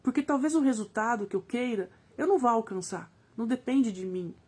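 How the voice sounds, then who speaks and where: A woman's voice: fairly high pitch, lively intonation, fairly quick, darkish tone. Earnest Brazilian woman sharing a devotional. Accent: Brazilian Portuguese. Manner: earnest, reflective, searching for words. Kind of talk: live devotional reflection to viewers.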